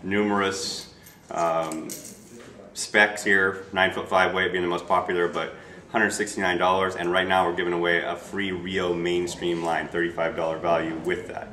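Flat and sharp, with a deep voice at normal speed, an American man informally presents goods in a small retail shop, unscripted, in clipped little phrases. The camera sits a few feet away, so the shop sounds echoey with faint noise.

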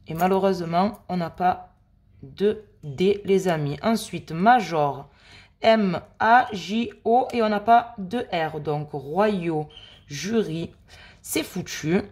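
A woman hosting a scratch-card video, chatting slowly and addressing her viewers as friends while she checks numbers and letters. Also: lowish voice, a little mellow. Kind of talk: casual play-by-play commentary.

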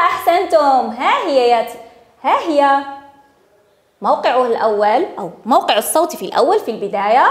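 High sing-song woman teacher, slow phonics lesson for little kids, stretches words, lots of praise, echoey room. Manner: stretches words out slowly, praises pupils often. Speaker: primary school teacher. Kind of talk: recorded phonics lesson for young children.

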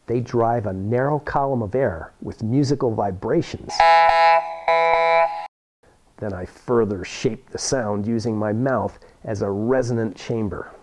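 A middle-aged American man with a fairly low, mellow voice walks through a science how-to demonstration step by step, wearing a lapel mic. He's indoors in a school workshop or lab room, and the audio quality is poor.

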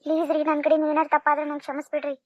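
A woman voicing a gentle, anxious young wife with a North Karnataka accent in a cartoon, pleading and soft-spoken. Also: high voice, completely flat delivery, rapid-fire, no echo, lightly acted. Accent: North Karnataka Kannada. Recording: dry, dull lo-fi sound.

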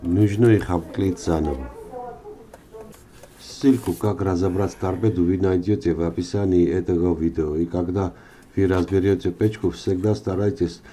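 A man's voice: low voice, steady tone, moderate pace, mellow, a little hiss or hum. A man hosting a car repair channel, giving a plain instructive voice-over tutorial with slightly non-native grammar.

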